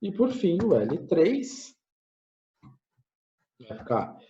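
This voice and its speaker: A man teaches a math class, walking through each step aloud and correcting his own slips. His voice swings up and down with animated intonation. The recording is muffled and lo-fi. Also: fairly high pitch, very slow. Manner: thinks aloud, tags phrases with "né?", corrects himself. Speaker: math lecturer.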